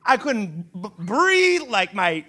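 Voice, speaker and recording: A man in his thirties from Brazil, preaching a sermon told through animated, humorous personal stories. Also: sits high, takes it slowly. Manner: animated, humorous storytelling with laughs.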